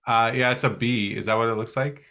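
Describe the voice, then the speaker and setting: A woman's voice: a bass voice, fairly quick. A woman playing in a tabletop game, chatting casually and laughing a lot. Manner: laughing, animated. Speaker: player.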